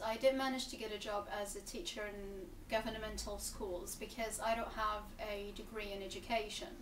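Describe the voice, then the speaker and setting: Woman in her 20s, somewhat high voice, hesitant with ums, interview answers, echoey room, mic set back, faint ambience. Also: distant mic, a little hiss or hum. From Gaza Strip, Palestine. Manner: thoughtful, hesitant with frequent ums and restarts. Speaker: interviewee, English teacher and graduate student.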